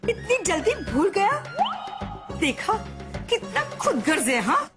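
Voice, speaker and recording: A doting mother in a TV serial who fusses and scolds with great theatrical flair. Her voice is high and swings widely in pitch. Music plays underneath. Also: very animated, unhurried, full character voice. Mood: scolding. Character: doting melodramatic mother of a grown son. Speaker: mother-in-law.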